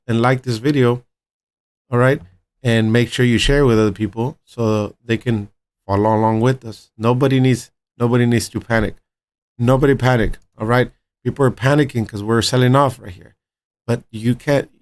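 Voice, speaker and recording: A man hosting his own trading channel, talking viewers through charts and checking in with them often. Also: mid-range voice. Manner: upbeat, repeats "all right" and "right" as check-ins; talks straight to viewers as "my friends" and "guys". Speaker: crypto trading channel host. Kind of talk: live chart analysis commentary.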